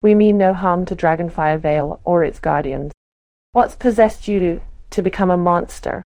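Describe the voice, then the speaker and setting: A woman voicing an earnest, protective young elf druid woman in a soft, measured way. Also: lowish voice, dry recording, natural voice. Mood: urgent.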